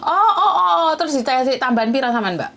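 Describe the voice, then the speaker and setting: A woman's voice: high voice, lively intonation, fast, sharp tone. Chatty Javanese-accented woman host. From Indonesia. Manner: chatty, mixes Javanese, many listening hums. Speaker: host taking calls. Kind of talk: casual phone-in chat.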